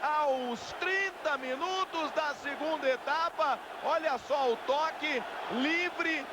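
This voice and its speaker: A Brazilian man giving explosive football goal commentary with drawn-out shouted calls, as the play-by-play announcer. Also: extremely high pitch. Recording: noisy outdoor stadium broadcast. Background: stadium crowd noise.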